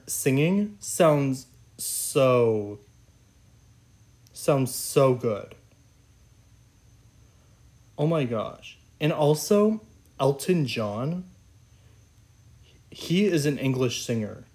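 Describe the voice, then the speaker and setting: Gushing about singers on his own YouTube channel, this man talks casually and rambles, leaning on "like" and "oh my gosh". His voice is on the high side with a darkish tone.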